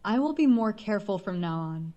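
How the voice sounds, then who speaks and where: A woman's voice: medium pitch, lively intonation, brisk, dark tone, lo-fi sound, lightly acted. A woman reading the lines of an obliging male hologram chauffeur, deferential and apologetic.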